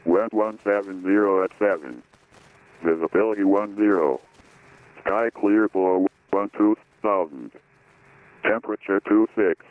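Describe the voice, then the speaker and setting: A man's voice in an airport weather broadcast, heard over an aircraft radio as a flat, repeating recorded readout of weather figures. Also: fairly low pitch, unhurried. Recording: tinny dry radio channel.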